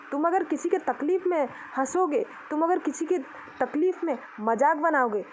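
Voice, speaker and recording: High-voiced, indignant woman vlogger from Odisha. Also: darkish tone, a little hiss or hum, low-quality recording. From Odisha, India. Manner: indignant, scolding, preachy. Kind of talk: impassioned vlog monologue. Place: outdoors.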